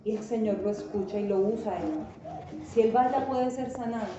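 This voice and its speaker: A woman's voice: a little high, a little fast, warm tone, slight background noise. A woman pastor, giving an earnest, emphatic sermon and acting out quoted voices. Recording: distant, echoey, dull church sound with guitar.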